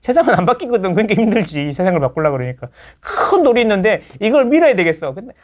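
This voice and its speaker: A man who is a real estate lecturer, talking as a guest in a casual interview, lecturing with playful impressions of others and quick tag questions. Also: sits high, big pitch swings. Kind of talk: casual talk-show interview.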